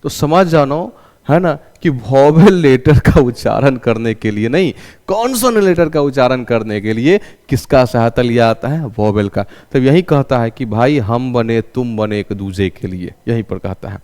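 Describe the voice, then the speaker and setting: This male English teacher speaks at medium pitch and a moderate pace, sounding animated and a little mellow as his voice fills a large hall. He poses questions, supplies the answers, and gets the class to repeat him, addressing students as "raja".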